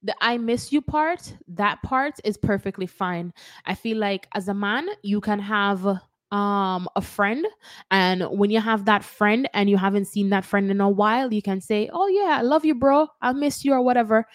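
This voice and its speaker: A woman's voice: medium pitch, normal speed, no room sound. A woman with a Jamaican accent hosting a casual commentary show, chatty and careful, often correcting herself. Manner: chatty, hedging, self-correcting. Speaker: host.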